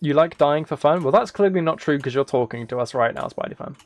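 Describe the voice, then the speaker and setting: Speaking quickly and expressively in a higher register, this male streamer thinks aloud and rambles while he plays and reads chat. There's no room sound at all.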